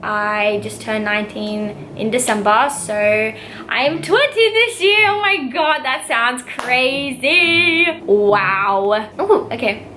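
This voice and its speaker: A bubbly, giggly nineteen-year-old Australian vlogger answers viewer questions to camera in a casual Q&A, packing her speech with "like" and other fillers. She talks slowly in a slightly high voice that sounds pushed and bright, with slight background noise.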